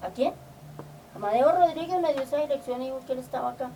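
An older woman from Colombia, telling lively stories from her community work, often acting out quoted dialogue. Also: high-pitched, fast. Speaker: community organizer. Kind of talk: storytelling. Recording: distant mic with clear background noise.

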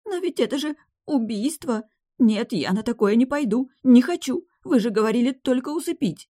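A woman's voice: brisk, a little mellow, close to an everyday voice. Woman doing a tearful pleading young woman. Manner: high, trembling, pleading.

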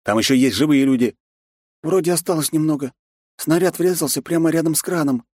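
Man voicing a high, earnest young woman fighter. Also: fairly quick, a little mellow, no room sound, studio quality, close to an everyday voice. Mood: urgent.

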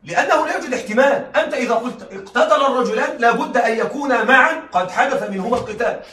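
Male lecturer, rapid and high-voiced, keeps asking the class if they follow; roomy sound from a mic set back. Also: pushed and bright. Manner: checks in with the class, frequent laughing asides. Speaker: teacher. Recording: echoey room, mic at a distance.

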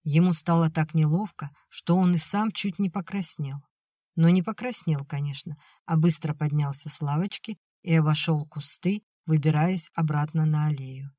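A narrator reading a novel aloud in an even, measured way. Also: mid-range voice, dry recording, clean studio sound. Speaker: audiobook narrator. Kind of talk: scripted audiobook narration.

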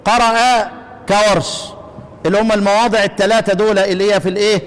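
Egyptian man, teacher, very high voice, long hall reverb, asks and answers his own questions. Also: level tone. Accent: Egyptian Arabic. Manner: asks the class questions and answers them himself, chanting verses slowly. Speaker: Quran recitation teacher. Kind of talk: classroom lesson explaining a text.

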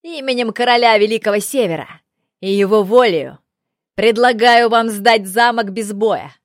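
A woman voicing a young male envoy with a ringing voice, proclaiming loudly and ceremoniously, in an audiobook. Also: a little high, moderate pace, no room sound, clean studio sound, lightly acted.

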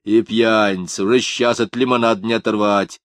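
A man reading an audiobook voices a boisterous bearded old grandfather who booms and coos at his granddaughter. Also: fairly even intonation, a little fast, no echo, studio quality, natural voice. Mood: joking. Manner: booming, cooing baby talk.

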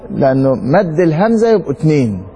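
A man with an Egyptian Arabic accent teaching a religious lesson, reading a text slowly and then explaining it with rhetorical questions to his students. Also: on the high side, sing-song, mellow, soft background music. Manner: reads a text slowly, then comments quickly. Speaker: sheikh teaching Maliki law.

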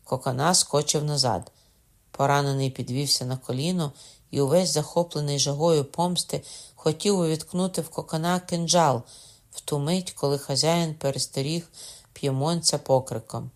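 Man narrating an audiobook, steady. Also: on the high side, moderate pace. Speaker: audiobook reader. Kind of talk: scripted narration.

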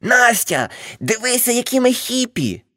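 Brief: woman voicing older male ex-hippie, boastful, rambling, animated delivery, dry studio read. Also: rumbling low, moderate pace, dry recording. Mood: brash tipsy.

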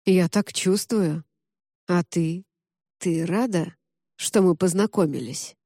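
A woman voicing an earnest young man in love in an audiobook, speaking softly and hesitantly. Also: fairly low pitch, dry recording, clean studio sound. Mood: tender. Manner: soft, hesitant, slow and coaxing. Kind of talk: audiobook character reading.

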